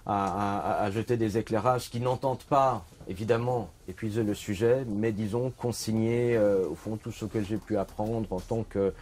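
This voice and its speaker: A man's voice: on the low side, fairly even intonation, moderate pace, hardly any pauses, a little mellow, a little hiss or hum. A middle-aged man from Switzerland, an author presenting his book in a bookshop, talking with many fillers and restarts. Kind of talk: bookshop talk.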